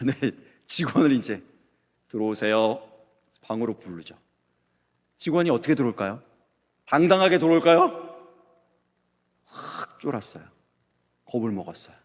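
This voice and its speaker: A middle-aged male pastor giving a Sunday sermon, swinging between loud emphatic peaks and soft, hushed storytelling. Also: medium pitch, lively intonation, moderate pace, long pauses. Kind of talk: Sunday sermon with acted anecdotes. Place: church sanctuary. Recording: long church hall reverb.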